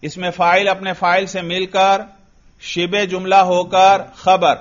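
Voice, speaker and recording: A man's voice: sits high, monotone, dull audio. A man teaching Arabic grammar in a classroom lesson, asking questions and answering them himself step by step.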